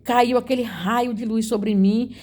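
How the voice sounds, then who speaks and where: Woman, fairly high-pitched, emotional religious testimony, earnest, repetitive, speaks straight to listeners. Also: steady tone, unhurried, a little mellow. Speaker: believer giving a testimony.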